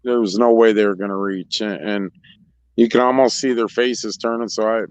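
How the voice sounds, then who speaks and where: A man's voice: on the low side, fairly even intonation, moderate pace, smooth, no echo. A man co-hosting a racetrack show in casual chat, rambling through restarts and laughing often. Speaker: racetrack co-host. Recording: dull lo-fi sound.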